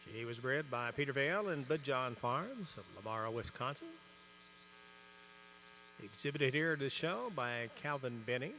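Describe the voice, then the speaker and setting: A man's voice: medium pitch, animated, normal speed, pushed and bright, slight background noise. A man announcing livestock show champions at ringside, formal in tone and drawing out the winners' names for emphasis.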